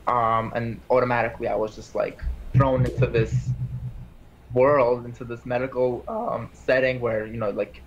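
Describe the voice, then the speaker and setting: Man, 20s, from Armenia, interview guest, rambling speech full of fillers, mid-pitched voice, muffled lo-fi recording. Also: slight background noise. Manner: rambling, heavy use of "like" and restarts. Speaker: interview guest, PA school applicant. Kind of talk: casual interview chat.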